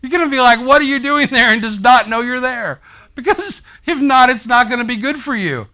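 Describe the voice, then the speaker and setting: Bright, high-voiced male pastor preaching. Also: a little fast. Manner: animated, conversational, talks straight to the congregation. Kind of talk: sermon. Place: church sanctuary.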